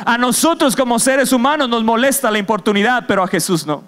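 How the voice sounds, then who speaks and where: High-voiced impassioned preacher. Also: male voice, a little fast, fairly bright tone. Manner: impassioned, repetitive exhortation. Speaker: guest preacher. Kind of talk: sermon. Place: church service. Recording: guitar music behind.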